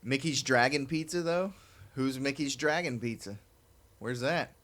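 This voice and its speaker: A man co-hosts a live-streamed podcast from home, rambling, joking, and reading things aloud in loose, casual chat. His mid-range voice is a bit bright and moves at a normal speed.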